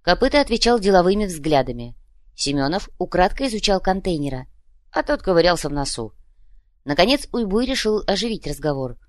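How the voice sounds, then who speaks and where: A woman reads a story aloud in a steady, even audiobook style. Her voice sits low, and the recording is dry and close, with no room around it. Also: fairly quick, no room sound. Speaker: audiobook narrator. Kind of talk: scripted audiobook narration.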